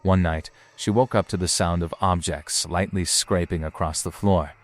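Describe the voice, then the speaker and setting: A man with a deep-set voice narrates scripted suspense. He speaks in a deliberate, ominous storytelling manner, as a narrator laying out mysterious incidents. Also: fairly even intonation. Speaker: narrator of paranormal footage compilation.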